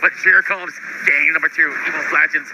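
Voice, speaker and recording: A man's voice: fairly high pitch, fairly even intonation, creaky, very noisy. A man co-casting an esports match, thoughtful and a little hesitant. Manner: thoughtful, drawn-out, hesitant fillers. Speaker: esports co-caster. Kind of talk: esports commentary.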